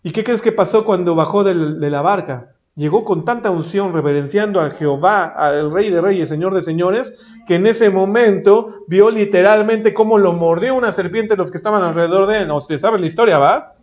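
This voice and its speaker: Male pastor, fervent sermon delivery, high voice, muffled audio. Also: moderate pace. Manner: emphatic, rising to loud high-pitched exhortation. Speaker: preacher. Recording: dull lo-fi recording.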